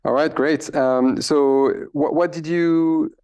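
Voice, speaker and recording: Guy hosting a podcast, gravelly voice, says uh constantly, chatty with an old student. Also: fairly high pitch, steady tone, slow, a little mellow. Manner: hesitant, many uh fillers. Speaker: podcast host, former teacher. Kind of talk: casual interview.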